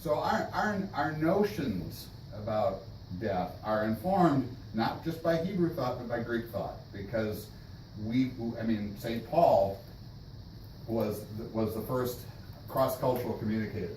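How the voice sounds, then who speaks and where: A man leading a casual church class discussion, thoughtful and halting, with many restarts. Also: mid-range voice, expressive, darkish tone. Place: church meeting room. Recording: echoey room, distant mic, noisy.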